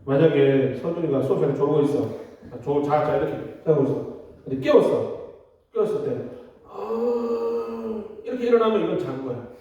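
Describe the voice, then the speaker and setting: A man's voice: fairly high pitch, expressive, fast, warm tone. A man who is a youth pastor, giving a casual, chatty sermon and teasing the children with direct questions. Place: church hall. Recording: distant, echoey, dull hall recording.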